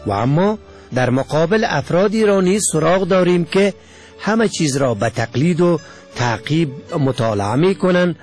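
A man from Afghanistan with an Afghan Dari accent, reading a scripted essay in a measured way. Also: a little high, lively intonation, a little mellow, soft background music. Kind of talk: scripted narration.

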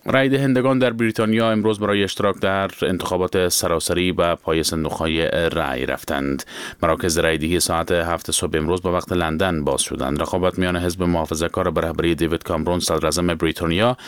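A man reading the news in a measured, formal way. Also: low voice, fairly even intonation, smooth, dry recording. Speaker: newsreader. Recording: dry studio sound.

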